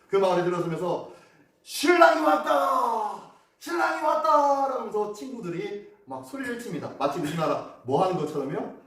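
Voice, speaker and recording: A man preaching a sermon as pastor, often putting questions to the congregation. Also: sits high. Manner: animated, asks the congregation questions. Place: church sanctuary. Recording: echoey church hall, mic off at a distance.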